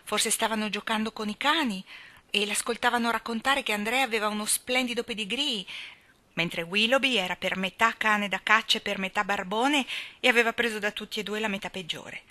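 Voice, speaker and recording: A woman's voice: medium pitch, brisk, bright, forceful tone, close to an everyday voice. A woman voicing a sulky, hot-tempered little girl who talks in a petulant, cross way. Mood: wistful.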